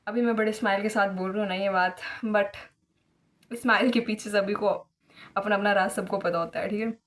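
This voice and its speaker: A woman's voice: medium pitch, fairly even intonation, moderate pace. A young woman from India hosting her own vlog, telling stories in a chatty way with many fillers and English phrases mixed in. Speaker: vlogger. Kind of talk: casual vlog chat.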